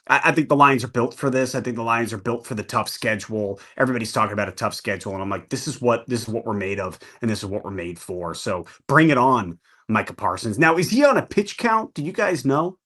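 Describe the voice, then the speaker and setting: Animated male sports podcast host. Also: mid-range voice. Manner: animated, excitable, full of "like" asides. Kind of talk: casual sports roundtable chat.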